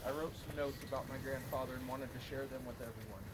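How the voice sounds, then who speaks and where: A man's voice: medium pitch, steady tone, quick pace. A man reading a prepared eulogy for his grandfather from notes, now and then stumbling on a word. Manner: reads from notes with occasional stumbles on words. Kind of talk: prepared eulogy read aloud. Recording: clearly noisy recording.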